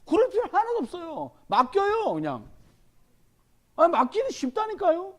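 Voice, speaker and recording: A man's voice: very high voice, huge pitch swings, moderate pace, a bit bright. A man preaching a sermon as the pastor at a Wednesday church service, urging and joking with the congregation.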